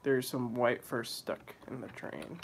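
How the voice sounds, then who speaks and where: A man's voice: mid-range voice, takes it slowly, gravelly, slight background noise. A young man casually commenting on a video game and reading its text aloud in a wry, offhand way. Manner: wry, offhand, drops into mock voices and whispers. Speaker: let's play commentator.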